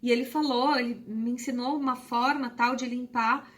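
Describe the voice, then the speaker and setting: A woman with a high, light voice tells a personal spiritual experience. She speaks softly and hesitantly, with frequent pauses and a tender, emotional tone. She is from Brazil. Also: fairly even intonation. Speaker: spiritual channel host. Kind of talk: personal storytelling to camera.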